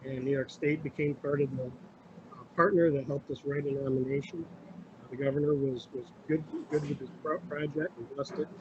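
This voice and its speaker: A middle-aged man, a county administrator, giving a formal, halting presentation to a committee over a crackly remote phone line that fades in and out. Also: mid-range voice, steady tone. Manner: halting, with many filler sounds. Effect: crackly remote phone line, fading in and out.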